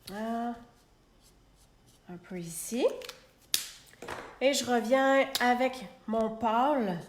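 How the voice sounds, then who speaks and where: Slow-talking Québécois woman demonstrating crafts. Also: fairly high pitch, reverberant, a little hiss or hum. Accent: Québécois French. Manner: chatty, talks to herself while working. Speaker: host of a live card-making demonstration. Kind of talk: live crafting tutorial. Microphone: phone held in a clamp.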